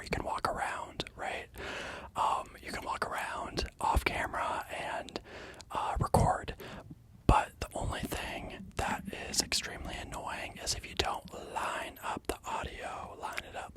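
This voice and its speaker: An ASMR channel host whispering softly into a handheld field recorder with a fluffy windscreen, repeating words for their sound. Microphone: handheld field recorder with fluffy windscreen, stereo.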